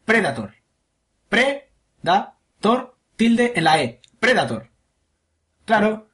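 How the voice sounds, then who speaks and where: A man's voice: fairly high pitch, lively intonation, brisk. Crude, jokey man. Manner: crude, jokey, reads comments aloud. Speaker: podcast host reading listener comments. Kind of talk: casual podcast banter.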